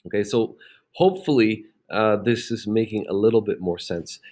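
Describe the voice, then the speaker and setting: A man's voice: lowish voice, normal speed, warm tone. A man teaching a grammar lesson, explaining step by step with frequent "okay?" checks and fillers. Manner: plenty of fillers and restarts.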